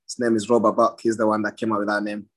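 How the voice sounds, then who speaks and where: A man's voice: lowish voice, monotone, fast, a bit bright. A young man from Somalia, a professional boxer, giving short plain answers in a casual interview and laughing often.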